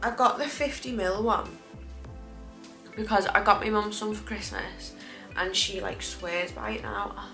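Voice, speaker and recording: A British woman with a bright, forward voice gives a casual, rambling makeup review. Her speech is slightly impeded from dental surgery, and she often corrects herself. Faint music plays behind her. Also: medium pitch, fairly even intonation, a little slow. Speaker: beauty vlogger.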